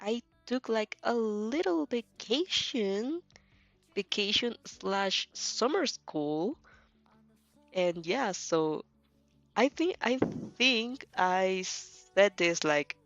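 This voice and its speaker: This young woman, who speaks English as a second language, hosts a casual, rambling stream reacting to fan fiction, often giggling, hesitating and correcting herself. She has a mid-range voice. There's no room sound, but the dull lo-fi mic picks up faint music.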